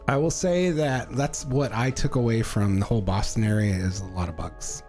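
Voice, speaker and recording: Excitable swearing podcast guy. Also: moderate pace, faint music behind. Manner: animated storyteller, swears freely, voice jumps high when excited. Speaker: podcast co-host. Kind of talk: casual chat.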